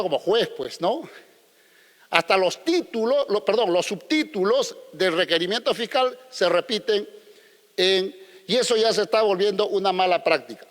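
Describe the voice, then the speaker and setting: A man argues his case at a legal conference, pressing his points through pointed rhetorical questions. His voice sits notably high for a man. The sound rings with the long reverb of a large hall. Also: pushed and bright. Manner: combative, with frequent rhetorical questions. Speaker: lawyer speaking at a legal conference. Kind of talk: conference talk.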